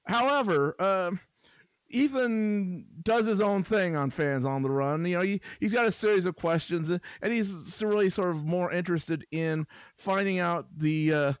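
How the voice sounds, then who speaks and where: A man's voice: high-pitched, normal speed, smooth, dry recording. A man co-hosting a podcast, talking casually with lots of fillers and dry humor. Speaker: podcast co-host.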